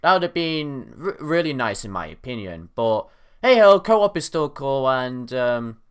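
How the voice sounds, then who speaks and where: A young man giving casual, excited reaction commentary on game news, his voice cracking now and then. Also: medium pitch, measured pace, smooth. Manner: excitable, animated, frequent self-corrections. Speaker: gaming YouTuber.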